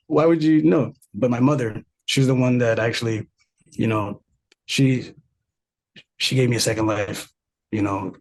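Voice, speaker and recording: A husky-voiced man in his thirties, originally from South Sudan, tells his story as a podcast guest. He talks loosely, with many fillers and restarts, and his voice sits at an ordinary middle pitch. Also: poor audio. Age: 30s. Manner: relaxed, many fillers and restarts, laughs while telling. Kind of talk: casual interview storytelling.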